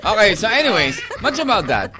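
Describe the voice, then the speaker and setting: A man's voice: sits high, brisk, heavy background noise. A man co-hosting a radio show, rambling and teasing in casual banter. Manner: rambling, lively, frequent fillers, teasing, mixing English and Tagalog. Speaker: radio DJ co-host.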